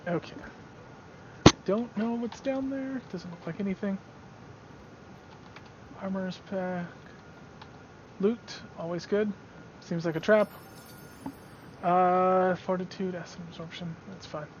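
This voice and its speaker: Man game streamer, casual chatty commentary, fairly high voice, dull lo-fi desk-mic sound. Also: flat delivery, slow pace, long pauses, noisy background. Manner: chatty, self-mocking asides. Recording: slightly dull lo-fi audio.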